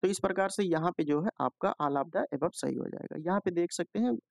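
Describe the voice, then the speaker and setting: Gravelly, higher-pitched male teacher explaining exam questions. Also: darkish tone, dry recording. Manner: explanatory, repeats "ठीक है" and "जो है" often; slows down to read English question text. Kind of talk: exam-prep lesson in Hindi mixed with English.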